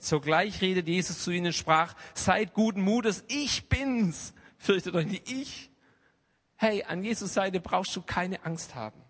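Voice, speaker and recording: Man preaching with big swings in volume. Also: on the high side. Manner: swings between hushed asides and loud emphatic outbursts. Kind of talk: sermon. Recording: long hall reverb.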